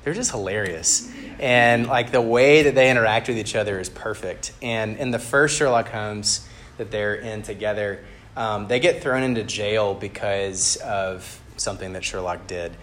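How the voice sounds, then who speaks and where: A man giving a relaxed, conversational sermon to a campus group. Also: fairly low pitch, normal speed. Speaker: campus ministry speaker. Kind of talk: casual sermon.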